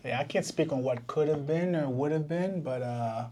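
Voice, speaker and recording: A man co-hosting a casual podcast chat, joking and bursting into loud outbursts. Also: fairly high pitch, normal speed. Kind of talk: casual banter.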